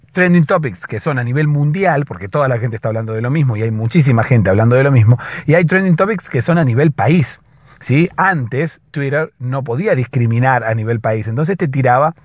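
Man, hoarse voice, podcast host, explanatory, dry close sound. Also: mid-range voice, no room sound. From Latin America. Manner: explanatory, keeps checking in with a questioning "right?". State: hoarse, slightly husky voice. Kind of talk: casual solo podcast explainer.

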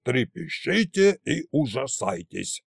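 A gruff old undead tsar who booms his threats slowly and playfully, more mischief than menace, as a man puts him on in a storybook. The lines come out drawn out and lower. The recording is dry and close. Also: very animated, no room sound, full character voice. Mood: mock menacing. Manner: slow, mock-menacing booming.

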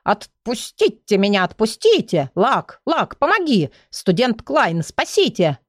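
A woman's voice: medium pitch, lively intonation, slow pace, darkish tone, no room sound, clean studio sound. A woman reading an audiobook and voicing a small, purring, fussy creature professor. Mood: panicked.

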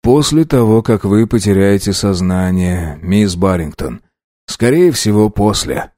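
A man playing a weary, dying male doctor who speaks slowly and quietly to comfort his patients. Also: fairly low pitch, expressive, dry recording, studio quality. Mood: calm. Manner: slow, quiet, gently comforting.

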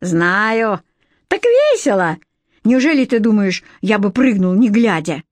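A woman voicing a daring, excitable twelve-year-old boy in a storybook reading, bold and teasing. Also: medium pitch, a little slow, dry recording.

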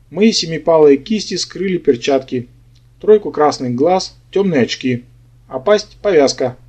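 Wry male audiobook narrator, mellow tone. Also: a little high, husky. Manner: wry, sardonic storytelling. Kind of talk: first-person humorous fantasy narration. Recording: dull lo-fi audiobook recording.

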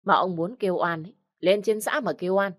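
A woman's voice: medium pitch, fairly quick, a bit bright, voice pushed up, natural voice. A woman voicing a harsh, scheming middle-aged village woman who accuses and barks orders. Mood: commanding. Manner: accusing, scornful, barking orders.

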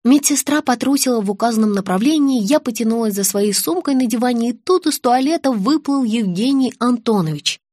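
A woman reads an audiobook with ironic, lively storytelling. Her voice sits fairly high, and the recording is dry and close. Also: brisk, hardly any pauses, dry recording. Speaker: narrator. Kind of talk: audiobook narration.

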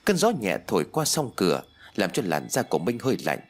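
A man narrates a ghost story audiobook with expressive storytelling. His low voice is husky and moves lively in pitch. Faint music plays under him. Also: brisk.

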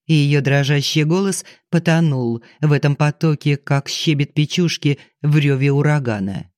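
A man narrating a thriller audiobook in a measured, dramatic reading style. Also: a little high, a little mellow, no room sound, studio quality.

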